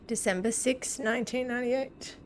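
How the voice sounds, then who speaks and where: A woman's voice: fairly high pitch, fairly even intonation, normal speed, a little hiss or hum. A woman hosting a casual let's-play, chatting in a self-deprecating way and reading game text aloud. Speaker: gaming channel host.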